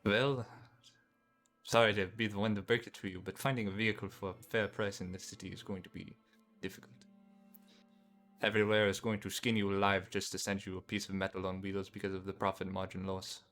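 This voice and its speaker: A man voicing a jaded garage owner in his early forties during a tabletop role-play, gruff and businesslike. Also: sits low, flat delivery, brisk, a bit bright, soft background music. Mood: weary.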